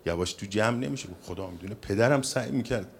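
A man giving an emotional religious storytelling talk to young people, swinging from loud emphatic lines to soft hushed ones. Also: lowish voice, vocal fry, slight background noise. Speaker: religious speaker.

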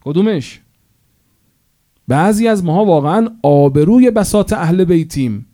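A man's voice: high-pitched, lively intonation, warm tone. A male cleric preaching a sermon in an impassioned, storytelling manner, rising to emphatic peaks.

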